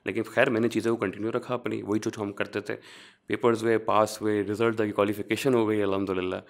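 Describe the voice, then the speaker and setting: A young man from Pakistan, a chartered accountant, talking in a relaxed interview and explaining things, often rephrasing as he goes. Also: on the low side, fast. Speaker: guest, qualified chartered accountant. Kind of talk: casual interview, mixing English phrases.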